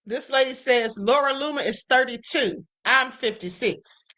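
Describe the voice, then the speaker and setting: A woman hosting a live stream, giving sassy, emphatic commentary with drawn-out asides. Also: high-pitched, pushed and bright. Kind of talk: casual commentary.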